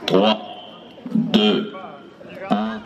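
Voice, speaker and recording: A man's voice: fairly low pitch, fairly even intonation, drawn-out words, reverberant, muffled recording. A man announcing a contest in a dramatic game-show style.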